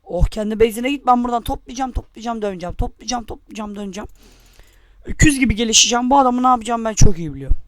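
A man's voice: very high voice, racing, dry recording. A young man from Turkey giving angry, cursing gameplay commentary, taunting his opponents as he plays. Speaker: gamer.

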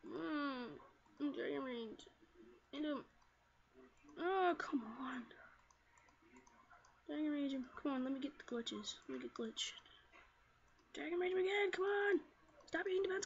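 A woman hosting a gaming video, excitably commenting on her battles and shouting commands at her team. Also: high voice. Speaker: gaming channel host. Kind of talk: Let's Play commentary. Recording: dull lo-fi mic with faint noise.

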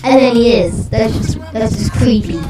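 A woman in a casual reaction video, chatty and quick to exclaim, her voice run through a robot voice changer. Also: fairly high pitch. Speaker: video creator reacting to an animation. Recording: echoey room, distant mic, music behind.

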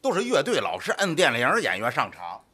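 A man performing crosstalk comedy on a theater stage, teasing his partner in a punchy, lively way. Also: medium pitch, a little fast, husky. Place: theater stage before a live audience.

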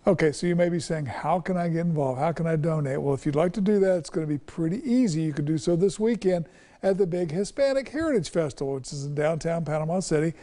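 A man's voice: a little high, lively intonation, fast talker, mellow. A middle-aged man presenting the news as an anchor in a TV studio.

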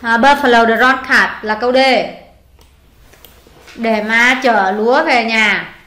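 A high, bright woman's voice with a Vietnamese accent, patiently quizzing a student through an English test. She prompts each answer, confirms it and explains the grammar. The sound is echoey, as if recorded in a bare room. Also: slow. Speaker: English tutor. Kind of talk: one-on-one tutoring, going through a test.

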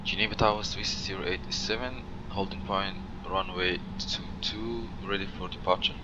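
A man's voice: sits low, steady tone, moderate pace, highs cut off. A man with a German first language making clipped pilot radio calls to air traffic control into a cockpit headset mic. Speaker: flight sim pilot on an online air traffic network.

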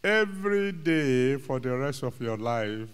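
An older Nigerian-accented pastor stands on a large studio stage with a handheld mic, pronouncing sermon blessings as rhythmic, repeated declarations. His medium-pitched voice is expressive, clear and resonant, moving a little slowly.

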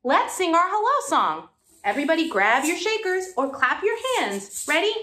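A woman's voice: very high-pitched, sing-song, normal speed, sharp tone. A woman teaching a music class for young children, talking in a cheerful, sing-song way and coaxing the kids to join in.

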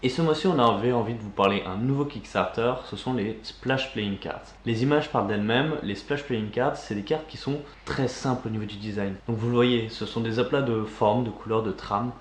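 A man co-hosting a casual magic news show, presenting items in a steady, informative way. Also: medium pitch, normal speed, hardly any pauses, roomy sound, slight background noise. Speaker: co-host.

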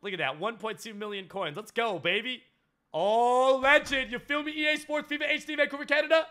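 A young man giving loud, excitable commentary while opening game packs, jumping between shouted hype and muttered swearing. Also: very high voice, fairly quick, clear, resonant tone. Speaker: gaming YouTuber opening packs.

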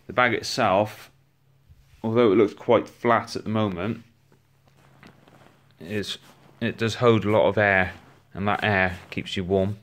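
Man, low-pitched voice, casual home review, chatty, restarts sentences, phone camera. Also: a little slow. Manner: chatty, relaxed, with frequent restarts. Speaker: gear reviewer. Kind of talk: casual product walkthrough. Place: indoors at home, on a rug.

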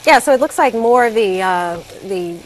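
A woman's voice: a little high, animated, moderate pace. A chatty, enthusiastic woman hosting a TV segment from a kitchen. Food sizzles behind her, with a faint background hiss. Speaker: TV host. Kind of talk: morning TV interview. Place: restaurant kitchen. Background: food sizzling on the stove.

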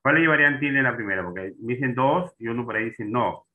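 This man has a medium-pitched voice and talks fast and animatedly. He's leading an online lesson about Spanish accent marks, regularly asking students questions and checking on them. The audio is thin and tinny, like a phone call.

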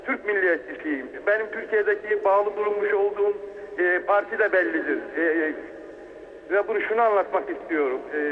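A man speaking over the phone in a combative, halting way, giving a statement as an interviewee. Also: high-pitched. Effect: telephone line. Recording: tinny phone line, hollow reverberation.

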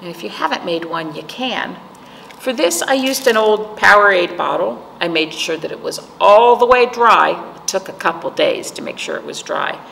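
Her medium-pitched, fairly bright voice is animated and moves at a moderate pace. A middle-aged children's librarian, she hosts storytime in an indoor library room, sitting before a patterned wall, reading aloud and talking to young listeners with simple phrases and questions, while the echoey space picks up clear background noise.

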